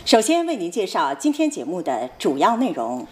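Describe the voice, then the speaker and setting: Formal female news anchor, very animated pitch. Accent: standard mainland Chinese Mandarin. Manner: formal, measured announcer delivery. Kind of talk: formal scripted news reading.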